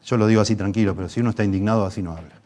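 A man's voice: lowish voice, steady tone, rapid-fire, darkish tone. A man with a Rioplatense Spanish accent preaching a sermon, impassioned, pushing his voice up for emphasis and restarting phrases as he goes.

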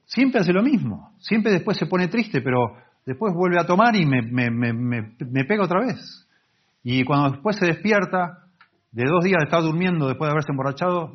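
A man voicing a weary wife who pleads with her pastor about a drunken husband, in a raised, husky voice on a slightly muffled recording. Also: sits low, animated, normal speed, pitched above the performer's own voice. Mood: pleading, exasperated. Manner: pleading, exasperated.

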